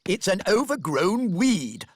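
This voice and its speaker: A man voicing a grumbling but jolly old grandfather pig in a cartoon, with a hearty, deliberate delivery. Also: high voice, very animated, no room sound, full character voice. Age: older. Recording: music behind the voice.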